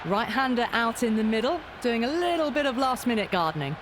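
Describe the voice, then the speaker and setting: A man's voice: extremely high pitch, animated, fairly quick. A man playing an appreciative, analytical cricket commentator in a video game, explaining play in clipped phrases. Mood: observant. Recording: loud crowd noise behind commentary. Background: roaring stadium crowd.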